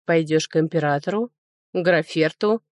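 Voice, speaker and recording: A woman voicing a sly male high lord and mage who answers in a mocking, evasive way. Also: normal speed, a little mellow, no echo, studio quality, close to an everyday voice. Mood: defensive.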